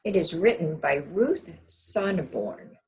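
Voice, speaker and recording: A kindergarten teacher reads a storybook aloud expressively, pausing to ask the young children questions and point things out. Her voice is on the low side, and the recording quality is poor.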